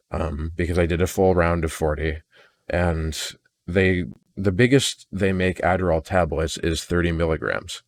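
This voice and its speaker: In this unscripted audio diary, a man's low-sitting voice comes across as tired, gloomy and inward-looking. He halts frequently, repeating words whenever he begins a sentence again.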